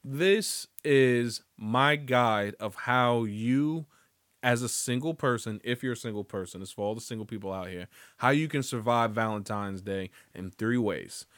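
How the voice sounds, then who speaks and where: A man's voice: mid-range voice, unhurried, a bit bright, no echo, studio quality. A man hosting his own podcast, rambling loosely with lots of swearing and jokes. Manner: rambling, profane, loose and joking. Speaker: podcast host. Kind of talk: casual solo podcast monologue.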